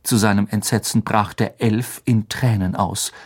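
A woman narrating an audiobook with expressive storytelling. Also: rumbling low, a little slow, husky. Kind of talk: scripted narration.

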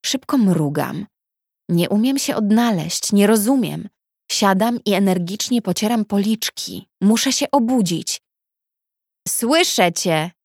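Slow, subdued woman reading a story. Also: mid-range voice, lively intonation, vocal fry, darkish tone, husky, no room sound, studio quality. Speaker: audiobook narrator. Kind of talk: scripted first-person narration.

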